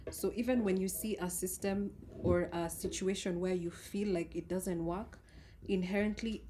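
A woman's voice: lowish voice, warm tone. A woman with a Kenyan accent discussing ideas casually as a podcast panellist. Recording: clearly noisy background ambience.

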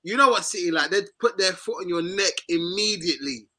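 A man's voice: sits high, a little fast, sharp tone. A man with an urban London roadman accent, hosting casual, slangy football banter and often repeating himself. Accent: London, urban street slang. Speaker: football fan show host.

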